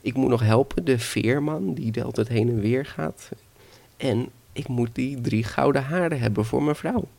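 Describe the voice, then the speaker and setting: A man voicing a timid young hero who stammers and hesitates, with a gravelly voice. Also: mid-range voice, moderate pace, a little mellow. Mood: unsure. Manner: stammering, unsure.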